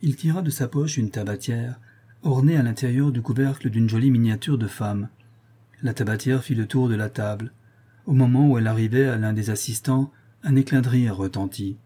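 A man narrating a classic novel as an audiobook, measured and even. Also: mid-range voice, breathy edge. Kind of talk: scripted narration.

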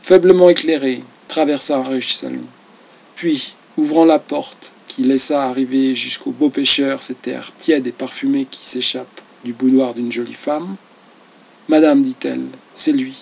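A man narrating a classic novel as an audiobook in a measured, expressive reading. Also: medium pitch, creaky, slightly rough.

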